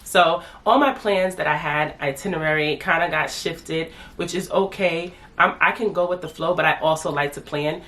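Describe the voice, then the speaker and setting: Her voice is low-pitched and fairly bright, moving at a moderate pace with few pauses. The family vlogger, a woman in her thirties, chats casually to camera while congested from a sinus infection, calling herself "your girl."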